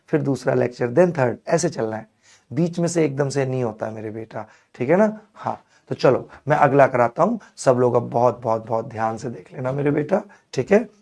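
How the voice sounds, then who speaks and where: A hoarse man teaching chemistry in a live online class, playful and coaxing as he works through problems with his students. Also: medium pitch, animated, normal speed, mellow. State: hoarse, strained throat.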